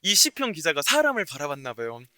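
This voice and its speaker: A man preaching a sermon as pastor, telling a story to the congregation and rising to loud exhortation. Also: on the high side, wildly swooping pitch, fast talker, no echo, clean studio sound. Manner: storytelling, addresses listeners directly, rises to loud emphatic exhortation. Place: church.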